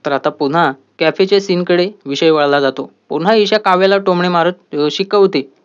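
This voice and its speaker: A man with a high voice narrates an episode recap, retelling each scene and reading the dialogue aloud. The audio is dull and lo-fi. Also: normal speed, clean tone. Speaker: TV serial reviewer.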